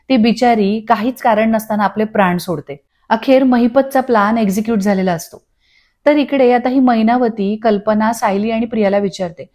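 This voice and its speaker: A woman narrating a scripted voice-over recap of a TV serial, telling the scenes in a steady storytelling way. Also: mid-range voice. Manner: steady storytelling, reading dialogue aloud. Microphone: studio voice-over.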